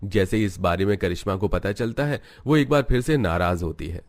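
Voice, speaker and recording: A man narrating a cartoon story in steady, scripted storytelling. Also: deep voice, brisk.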